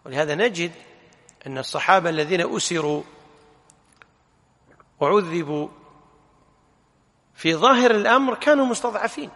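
Guy teaching religion, gravelly, bright sharp voice, big hall echo. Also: sits high, normal speed, pauses often. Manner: animated, rhetorical questions, corrects the reader. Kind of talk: explaining a religious text in a lesson. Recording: long hall reverb.

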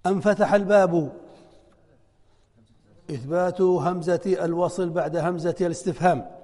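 A man's voice: sits high, fairly even intonation, moderate pace, dark tone, big-room sound. A man teaching a spelling lesson, reading out exercises and answering them himself. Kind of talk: classroom lesson.

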